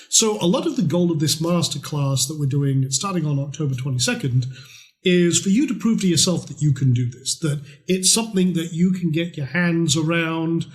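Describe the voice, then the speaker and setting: A middle-aged man from Scotland, presenting a trading course in a conversational sales pitch, chatty and blunt with mild swearing. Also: darkish tone.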